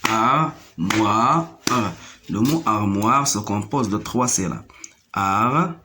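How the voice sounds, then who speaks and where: A man's voice: on the low side, a little slow, noisy background. A man teaching French to young pupils, repeating each word several times and counting its syllables aloud. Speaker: primary school French teacher. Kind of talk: slow classroom reading lesson.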